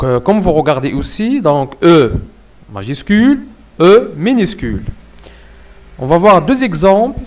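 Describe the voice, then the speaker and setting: Moroccan-accented male teacher, patient and deliberate, sounding out words, pitch rising and falling a lot. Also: a little mellow. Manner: spells out letters and repeats words slowly, mixing in Moroccan Arabic. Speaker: French teacher. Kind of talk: slow classroom lesson.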